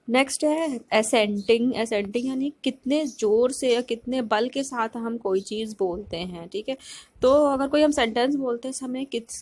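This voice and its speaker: Higher-voiced woman giving a lecture. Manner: explains step by step, many fillers, mixes in English terms. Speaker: teacher. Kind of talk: recorded lecture. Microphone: phone voice recorder.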